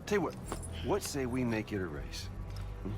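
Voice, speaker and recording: An actor playing a theatrical, menacing masked villain in a video game, mockingly sweet, with a hushed drawl that swings into sudden bursts. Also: male voice, mid-range voice, huge pitch swings, moderate pace. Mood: gloating menace. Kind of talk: video game cutscene acting. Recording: loud music under the voice.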